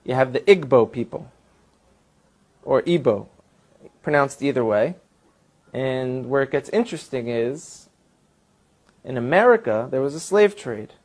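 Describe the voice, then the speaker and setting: A man's voice: mid-range voice, unhurried, long pauses, darkish tone. A man answering as a guest, earnestly explaining and building his points step by step. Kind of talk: explanatory talk.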